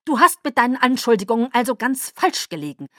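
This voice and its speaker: A cold, scheming vampire lord barks his lines in a loud, clipped, hurried voice, as a woman puts him on. He is curt and brusque, with a dry, close sound. This is an audiobook reading. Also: on the high side, big pitch swings, no echo, pitched above the performer's own voice. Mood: harsh, accusing.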